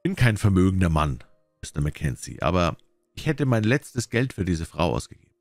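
A gruff, middle-aged husband, read by a man in a story, speaking in clipped phrases. The voice is low, with lively pitch, and sounds dry and close. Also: a little fast, dry recording, faint music behind. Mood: guarded. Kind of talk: audiobook character voice.

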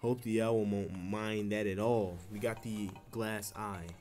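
Low-voiced male gamer over music. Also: steady tone, a little slow, darkish tone. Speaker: gamer playing and commenting. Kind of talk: casual game commentary. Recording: game music behind the voice.

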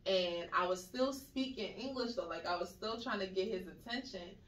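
A woman at a middle pitch tells a long, rambling story in casual podcast chat. She acts out the voices of the people in it. Her voice sits a little back from the mic, and the room gives it a roomy echo. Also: normal speed, fairly bright tone. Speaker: podcast co-host. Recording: echoey room, mic at a distance.

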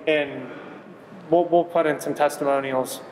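A man's voice: a little high, fairly even intonation, a little slow. A man working as a fitness trainer, coaching a workout with an upbeat, encouraging manner and counting reps. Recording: echoey hall with background noise.

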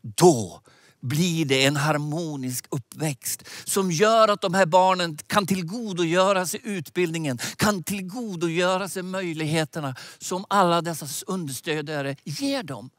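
High-voiced, animated man preaching outdoors. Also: no room sound, clean studio sound. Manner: animated preaching with emphatic gestures. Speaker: preacher and mission leader. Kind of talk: sermon. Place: outdoors by a lake. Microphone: headset mic.

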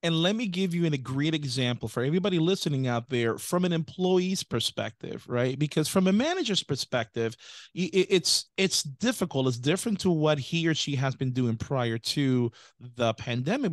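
A man's voice: on the high side, very animated, moderate pace, no echo, clean studio sound. A man co-hosting a business podcast in casual chat, rambling and interrupting himself with tangents. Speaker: podcast co-host.

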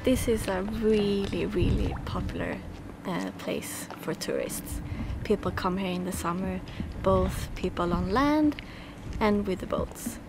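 A woman's voice: mid-range voice, unhurried, over music. A young woman with a Swedish accent, chatting casually about sailing for her vlog. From Sweden. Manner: relaxed, chatty, many fillers. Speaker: sailing vlogger. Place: sailboat cockpit and dockside outdoors.

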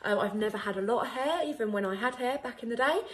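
A woman in her thirties, owner of a wig salon, talks quickly in a slightly high voice while filming a casual how-to video on her phone at arm's length in the salon. She's chatty and upbeat, with frequent ums.

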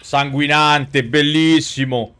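Over game music at his indoor gaming setup, a Roman-accented streamer in his thirties gives casual, colloquial live commentary into a headset microphone. His voice sits on the high side, steady, slow, sharp in tone, and smooth.

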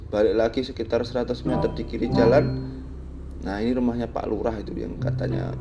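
A man narrates his motorbike ride in a chatty, joking way, speaking to viewers like friends. His voice sits at an ordinary pitch, picked up by a helmet-camera mic outdoors. Music plays clearly behind him. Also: steady tone, fairly quick, lo-fi sound. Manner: chatty, jokey, addresses viewers as "Lur". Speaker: motovlogger. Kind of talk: riding commentary vlog. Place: on a motorbike on village roads, outdoors. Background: background music.

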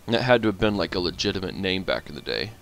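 A man's voice: low voice, big pitch swings, quick pace, creaky, a bit bright. A man commenting casually on his strategy game as he plays, grumbling at setbacks and talking to his units. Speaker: gaming channel host.

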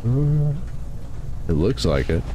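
A young gaming streamer with a cold-stuffed nose chats casually at his home desk mic, reading the game's text aloud during a let's-play. His medium-pitched voice is sing-song, slow and dark in tone. Slight background noise can be heard.

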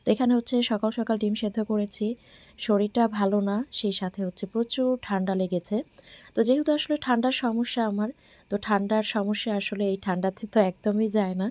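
Bangladeshi mom vlogger, voice gone hoarse from a cold, talking low and soft, dry close sound. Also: female voice, no echo. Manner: soft, quiet talk. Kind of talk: casual voice-over narration.

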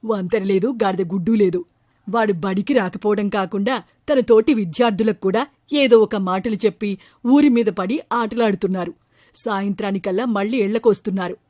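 Brief: woman playing a cross male village teacher, mellow low voice, dry sound, scolding storybook figure. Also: moderate pace, no echo, natural voice. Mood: angry scolding. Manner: scolding, indignant. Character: stern angry male village schoolteacher.

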